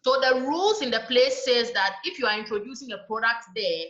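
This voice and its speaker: A woman lecturer giving a university lecture, explaining points in a measured way and checking in with "right?". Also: a little high, background noise. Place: lecture room. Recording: echoey room, dull lo-fi sound.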